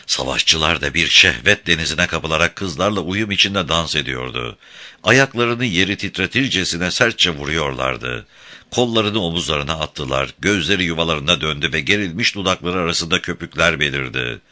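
Low-voiced guy reading an audiobook, sharp bright tone, steady storytelling. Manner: measured, vivid storytelling. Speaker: narrator. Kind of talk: scripted audiobook narration.

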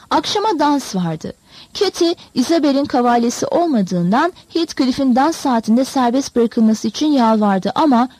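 A woman narrating a novel in a measured, expressive storytelling manner. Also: fairly high pitch, no echo. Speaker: audiobook narrator.

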